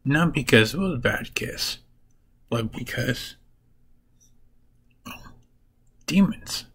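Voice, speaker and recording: A man casually retelling comic book plots in a halting, piece-by-piece way. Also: mid-range voice, sharp tone, a little hiss or hum, poor audio.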